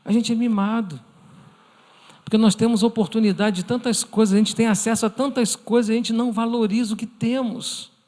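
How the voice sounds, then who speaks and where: Brazilian male preacher, high voice, earnest, church hall reverb. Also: steady tone, brisk. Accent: Brazilian Portuguese. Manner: earnest, addresses listeners as brothers; acts out imagined prayers in a softened voice. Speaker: church teacher. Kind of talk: church lesson sermon.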